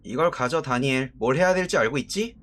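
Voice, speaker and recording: A man voicing a sinister unseen male tempter who coaxes a child in a low, slow, menacing tone while reading horror game subtitles. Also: animated, fairly bright tone, a little hiss or hum, lightly acted. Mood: coaxing, sinister.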